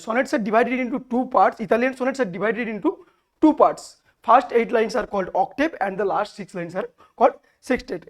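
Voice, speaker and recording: A woman with a fairly high voice and a Bengali accent teaches in plain lecture style. She goes through each point step by step, asks her own questions and then answers them. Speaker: English literature teacher. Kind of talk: classroom lecture.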